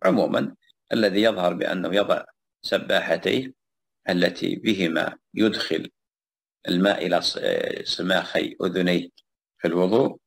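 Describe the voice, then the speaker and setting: Religious teacher, male: deep, husky voice, repeats himself while explaining a text to a class. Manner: repeats phrases and pauses with fillers while explaining.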